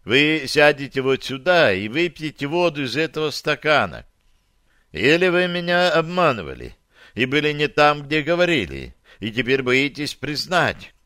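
A man's voice: fairly high pitch, very animated, moderate pace, bright, forceful tone, no echo, clean studio sound, pitched above the performer's own voice. Man doing a cold, suspicious interrogator.

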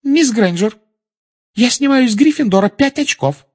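A man putting on a cloying, icy female inspector, high and drawn out. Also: very animated, normal speed, darkish tone, husky, heavily acted. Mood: cold, sugary. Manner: silky, cloying, coldly polite. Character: prim cold-sweet female school inspector. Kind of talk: audiobook character voice.

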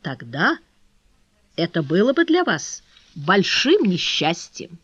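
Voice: medium pitch, huge pitch swings, slow pace, fairly bright tone, husky, no echo, full character voice. A sly, scheming baronet, as an audiobook reader puts him on, dry and laconic, dropping his voice and drawing out his words. His tone stays impassive and mocking. The recording is dry and a little dull. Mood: calculating. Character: cold sly scheming male English baronet. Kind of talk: audiobook character reading.

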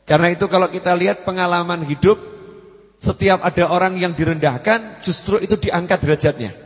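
A man's voice: high-pitched, a little fast, big-room sound. A man giving an Islamic study sermon, explaining points and repeating key phrases. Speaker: preacher.

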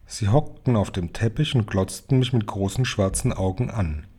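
A man reading a children's storybook aloud with steady, plain narration. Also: lowish voice, normal speed, breathy edge. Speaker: reader.

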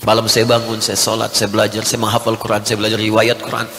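A man's voice: fairly low pitch, completely flat delivery, quick pace, fairly bright tone. Man preaching in an echoey hall. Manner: addresses audience directly, voice rising with emotion. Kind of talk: emotional sermon storytelling. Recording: hissy, reverberant hall recording.

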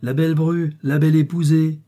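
A man reading an audiobook, voicing an angry, contemptuous peasant mother who scolds in loud outbursts. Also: medium pitch, steady tone, normal speed, close to an everyday voice. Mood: scornful, furious. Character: angry scornful peasant mother, older woman.

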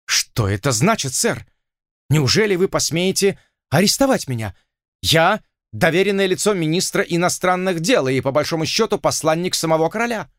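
A haughty English lord of the king's court squeals his outrage in a high, strained voice, put on by a male reader. The telling is dry and close, and his pitch swings wildly. He sounds pompous and easily offended. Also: lively intonation, normal speed, a bit bright, dry recording. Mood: indignant. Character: haughty, shrill English lord, envoy of the king.

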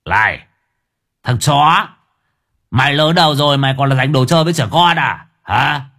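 A man voicing a violent, foul-mouthed tattooed thug who talks loud and fast. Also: mid-range voice, lively intonation, voice pushed up. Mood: aggressive. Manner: loud, rapid, swearing.

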